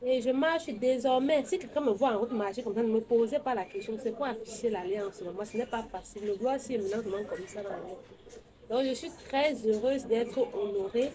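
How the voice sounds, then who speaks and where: A woman's voice: fairly high pitch, a little fast, crowd noise. A pregnant, newly married woman talking proudly and defiantly in casual chat.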